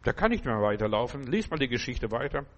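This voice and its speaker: A man preaching a fervent sermon, repeating phrases and swinging between loud cries and low murmurs. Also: very animated, fast talker, highs cut off.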